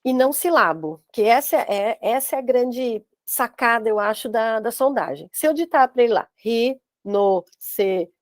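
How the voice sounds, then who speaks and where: A woman's voice: on the high side, animated, normal speed, hardly any pauses, no echo, clean studio sound. A Brazilian woman running an online course for teachers, explaining step by step on a video call. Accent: Brazilian Portuguese. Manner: explanatory, uses many "né?" tags. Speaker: course instructor.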